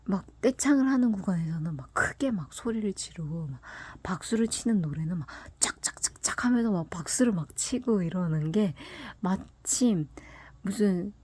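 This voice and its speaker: A woman telling a personal story in a casual, soft, half-whispered way, often breaking into laughs. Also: medium pitch, animated, normal speed, husky. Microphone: close mic, voice only.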